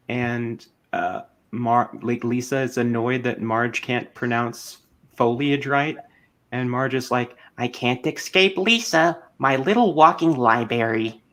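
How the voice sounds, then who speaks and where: Man, casual chat, rambling, mid-pitched, hesitant delivery. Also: a bit bright. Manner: rambling, hesitant, many restarts.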